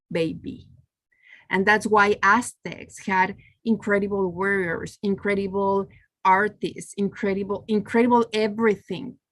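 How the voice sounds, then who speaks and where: A woman from Mexico telling a personal story in a casual group discussion, lively when she quotes others. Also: mid-range voice. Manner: storytelling, animated when quoting. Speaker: meetup participant.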